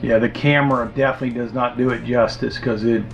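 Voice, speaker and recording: A man's voice: mid-range voice, steady tone, quick pace, creaky, soft background music. Plain-spoken man on a slightly dull recording. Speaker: travel vlog co-host. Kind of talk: casual explanatory narration.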